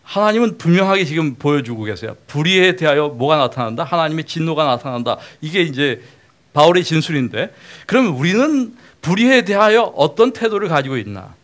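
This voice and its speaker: A middle-aged man preaching in a lecture-style sermon, talking with his congregation in a plain, conversational way. His voice sits a little high for a man. He keeps asking them questions as he teaches. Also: big pitch swings, brisk, a bit bright. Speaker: pastor.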